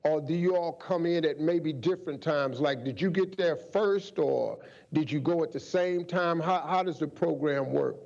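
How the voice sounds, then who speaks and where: Higher-pitched casual male host, dull sound. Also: normal speed, creaky, darkish tone. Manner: informal, rephrasing questions as he goes. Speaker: host asking questions. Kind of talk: casual, unscripted questioning.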